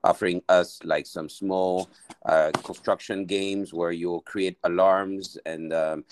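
A man's voice: sits low, flat delivery, slow, background noise. A man from Mali, a guest entrepreneur, answering interview questions hesitantly with many restarts.

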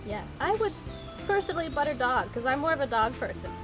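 A woman's voice: sits high, very animated, quick pace, over music, poor audio. A young woman in casual chat, reading out would-you-rather questions with a dry, playful manner. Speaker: question asker.

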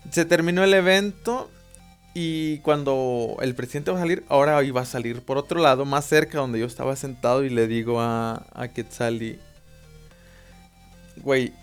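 A young man with a Mexican accent casually telling a personal story, slangy and animated. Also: medium pitch, moderate pace, clean tone, faint music behind. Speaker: vlogger.

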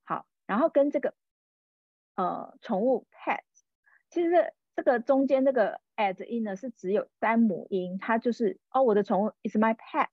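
A woman from Taiwan hosting a podcast lesson, chatting casually and slowly repeating English words to demonstrate pronunciation. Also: on the high side, animated, dry recording. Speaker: podcast host and English teacher. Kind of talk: casual teaching talk. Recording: tinny phone-like sound.

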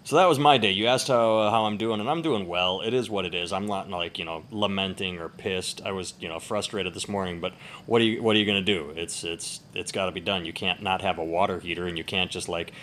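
Late at night in an upstairs room at home, a male podcast host talks casually with a deep, slightly quick voice and barely pauses. He keeps things quiet and restrained because others are asleep nearby, wandering through profane, rambling stories. Room background noise comes through clearly.

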